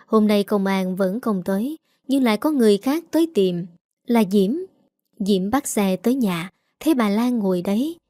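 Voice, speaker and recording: A woman narrating a scripted story in a steady, measured reading. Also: mid-range voice, no echo, studio quality.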